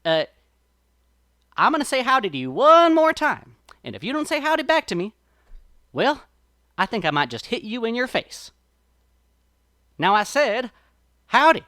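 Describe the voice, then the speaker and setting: A folksy male rabbit with a short fuse, as a storyteller puts him on, hollering in a high drawl that leaps up and down. The sound is dry and close, with no room in it. He goes from neighborly to frantic in a heartbeat. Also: expressive, moderate pace, hardly any pauses, pushed and bright, clean tone, no room sound. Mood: riled. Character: folksy hot-tempered male country rabbit.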